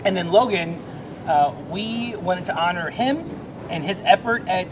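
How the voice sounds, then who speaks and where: A man's voice: expressive, a little slow. A middle-aged man talking earnestly and with feeling in a casual chat, with many restarts. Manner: earnest, emotional, rambling with restarts. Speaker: Salvation Army officer. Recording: noisy background rumble.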